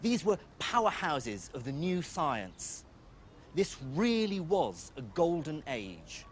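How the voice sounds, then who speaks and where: A middle-aged man from Iraq, presenting a documentary in a measured, storytelling narration. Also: on the high side, big pitch swings, slight background noise. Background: music.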